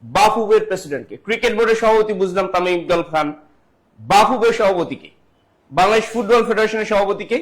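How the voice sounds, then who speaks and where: A man with a Bangladeshi accent teaches an online exam-prep class. His voice sits high. He fires questions at listeners and repeats each answer. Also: lively intonation, fast. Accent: Bangladeshi Bengali.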